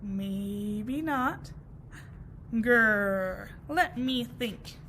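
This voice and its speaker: A woman's voice: mid-range voice, drawn-out words, pushed and bright, a little hiss or hum, pitched below the performer's own voice, heavily acted. A woman voicing a small worried male blade of grass in a picture book, searching for what makes him special. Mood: pondering. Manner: puzzled, searching.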